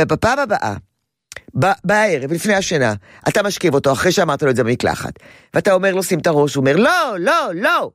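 A woman's voice: fairly low pitch, dry recording, clean studio sound. A woman giving parenting advice to a caller in an emphatic, repetitive way. She often acts out a child's voice. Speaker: parenting advisor.

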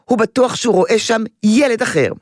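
An older woman with a fairly high voice talks into a studio microphone, dry and close, in a radio studio. As a child therapist hosting a call-in advice show, she explains things with energy and often imitates the children she describes.

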